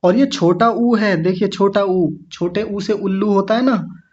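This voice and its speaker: A man's voice: sits high, a little mellow, muffled recording. A man teaching an online class, patiently sounding out words syllable by syllable for his students. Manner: patient, slow syllable-by-syllable demonstration. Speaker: Sanskrit recitation teacher.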